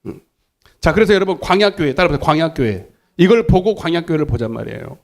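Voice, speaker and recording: A man's voice: animated, fast, vocal fry. A man pastor preaching a sermon in a church, emphatic, calling out for the congregation's responses. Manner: emphatic, swings pitch up and down. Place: church sanctuary.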